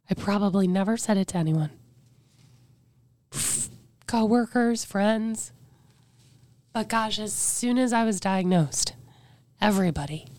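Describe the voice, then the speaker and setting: A woman in her forties with a hoarse, weakened voice, telling her story as a podcast guest in a candid, reflective way. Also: medium pitch, darkish tone, no room sound. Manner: earnest, reflective, breaks into faint whispers.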